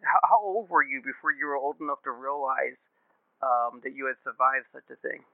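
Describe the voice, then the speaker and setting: Gravelly podcast host man, phone-like sound. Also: medium pitch, fairly even intonation, a little fast, dry recording. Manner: rambling, full of uh fillers and restarts. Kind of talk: casual podcast chat. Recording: narrow phone-like sound, dry.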